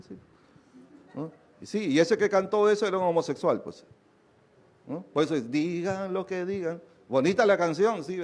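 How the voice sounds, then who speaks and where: A man's voice: a little high, a little mellow. A male pastor preaching a sermon, asking rhetorical questions again and again and acting out other people's voices to drive his points home.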